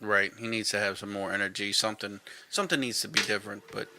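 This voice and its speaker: A man's voice: on the low side, steady tone, quick pace, bright, forceful tone, dry recording. A man co-hosting a casual sports podcast, blunt and opinionated, swearing casually as he gives his takes. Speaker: podcast co-host.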